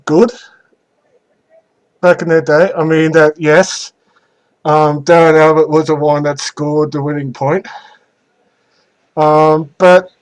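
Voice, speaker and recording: In a smooth, slightly high voice, a young man answers questions slowly and casually, unscripted, much like a vlogger responding to viewers. His speech is halting, with frequent mid-sentence pauses.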